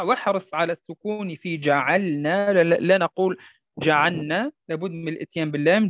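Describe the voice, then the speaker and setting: Man teaching tajweed, drawn-out examples. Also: fairly high pitch, no room sound. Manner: slowly drawls out example words, repeats them for drilling. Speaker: Quran recitation teacher. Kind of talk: tajweed lesson explaining a didactic poem. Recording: dry, dull lo-fi sound.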